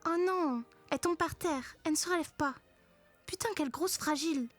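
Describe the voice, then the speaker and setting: A woman's voice: high voice, fairly quick, no room sound, faint music behind. A woman narrating a comic first-person story in a casual, slangy, sarcastic way. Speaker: narrator of a comedic story parody.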